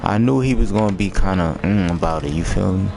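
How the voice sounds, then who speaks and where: A man's voice: deep voice, a little fast, creaky, noisy background. An American man giving casual, slangy live commentary on a game as he streams it. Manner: slangy, informal.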